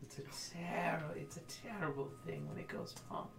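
A woman's voice: sits low, fairly even intonation, gravelly, pitched above the performer's own voice. Woman doing a creepy whispering fae oracle, whispered role-play. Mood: ominous. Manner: slow, eerie, whispery. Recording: roomy with background noise.

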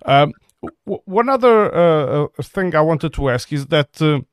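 A man's voice: fairly high pitch, lively intonation, measured pace, dry recording. Hesitant interviewer man, dry sound. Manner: hesitant, many fillers, polite. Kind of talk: remote interview. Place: home.

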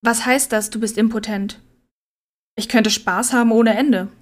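A woman narrating a story in a quiet, subdued reading voice. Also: fairly high pitch, steady tone, a little slow. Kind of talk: scripted audiobook narration.

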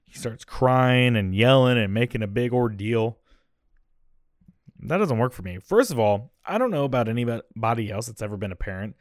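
A man's voice: mid-range voice, animated, normal speed, no echo. A young adult man hosting a casual solo podcast, rambling conversationally with frequent asides and a dry, slightly coughy throat. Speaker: podcast host.

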